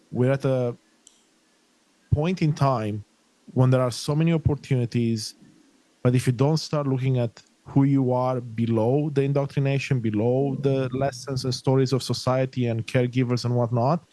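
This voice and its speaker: A mid-range, warm male voice with no echo belongs to a middle-aged Romanian life coach. As a podcast guest in a conversational interview, he talks earnestly and thoughtfully, his sentences long and flowing.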